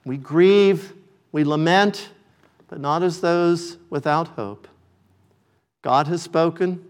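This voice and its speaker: A man preaching a sermon as pastor, with slow, deliberate and emphatic phrasing that drops low and quiet at the close of each point.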